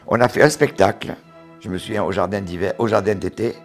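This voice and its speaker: A man in his eighties with a southern French accent from Montauban, reminiscing in an interview, often halting and repeating words as he recalls. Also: lowish voice, soft background music. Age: 80s. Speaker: interviewee, retired dancer.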